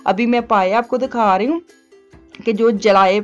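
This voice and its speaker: Recorded at home as a voice-over, this chatty narration comes from a middle-aged woman vlogging about shopping in a rambling, homely way. She speaks fairly high and a little slow, with a steady tone. The audio is dull, and soft music plays behind her.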